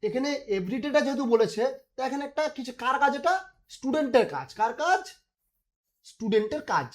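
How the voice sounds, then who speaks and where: A woman's voice: sits high, big pitch swings, moderate pace. A woman teacher, giving an exam-prep grammar lesson in which she asks and answers her own questions and repeats key words. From West Bengal.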